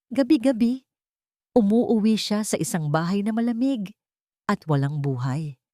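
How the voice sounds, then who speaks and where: A woman with a Filipino accent performs a scripted, dramatic narration of a story. Her medium-pitched voice has a darkish tone, recorded with clean studio sound and no room sound.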